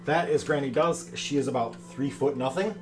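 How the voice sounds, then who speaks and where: A man's voice: mid-range voice, normal speed, music in the background. A man improvising scene descriptions as the game master of a tabletop game. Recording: noisy room recording.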